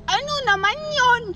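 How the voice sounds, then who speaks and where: A woman voicing a bratty, fussy little girl who talks in a whiny, demanding, excitable way. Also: very high voice, far from the mic, background noise, exaggerated voice. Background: music.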